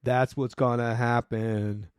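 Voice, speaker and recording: A man's voice: mid-range voice, level tone, slow, smooth, no echo, clean studio sound. A man hosting his own podcast, talking casually in a rambling, irreverent way, swearing now and then. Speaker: podcast host. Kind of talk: casual monologue.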